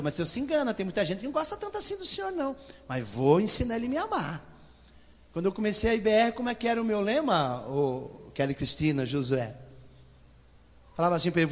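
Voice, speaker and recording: A middle-aged man preaches to his congregation, talking straight to them. His voice sits high and swings widely in pitch. A long church reverb trails every phrase. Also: breathy edge. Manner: animated preaching, addresses congregation directly. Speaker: pastor. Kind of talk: sermon. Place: church hall.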